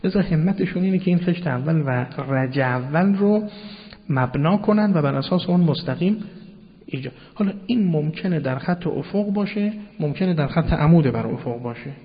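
A man's voice: on the high side, expressive. Man lecturing on religion in a big hall. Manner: explanatory, addresses listeners politely and repeats key terms. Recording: dull sound with long hall reverb.

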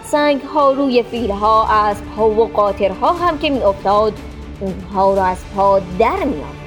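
A woman narrating a storybook with a clear, expressive reading. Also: mid-range voice, faint music behind.

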